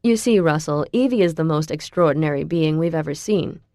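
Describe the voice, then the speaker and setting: A woman voicing a sadistic male fallen angel who speaks in a smooth, mocking, falsely sweet way. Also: low-pitched, fairly quick, dark tone, dry recording, studio quality. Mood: gloating.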